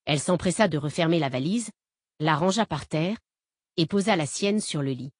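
A woman narrating an audiobook in an even, measured reading voice. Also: low-pitched, no echo, studio quality.

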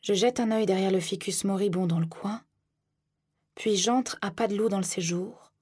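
A woman reading a first-person audiobook in a tense, hushed storytelling manner. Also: medium pitch, moderate pace, breathy edge. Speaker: narrator.

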